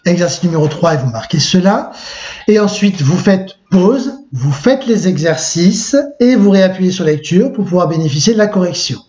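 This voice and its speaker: A man teaching a grammar lesson by video to young pupils, patiently explaining step by step, slowing down to spell out example forms and often checking with "d'accord?". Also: sits high, expressive, darkish tone, dull audio. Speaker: French teacher. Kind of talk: recorded video lesson for sixth graders.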